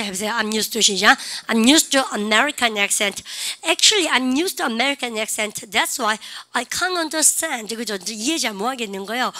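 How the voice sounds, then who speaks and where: A woman teacher gives a grammar lecture in a fairly high, sharply bright voice. She fires call-and-response questions at her class and slows down to model each example sentence. The sound is close and dry. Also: dry recording.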